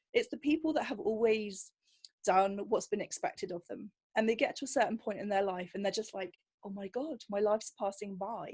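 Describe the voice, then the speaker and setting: A woman guest, a kinesiologist, telling anecdotes in a casual interview, often acting out the voices of the people she quotes. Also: mid-range voice.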